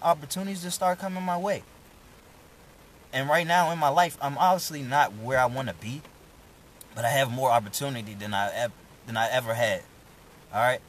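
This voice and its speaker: A man's voice: mid-range voice, fairly bright tone, a little hiss or hum, low-quality recording. Profane streetwise man giving a pep talk. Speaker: vlogger. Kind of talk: casual motivational live stream.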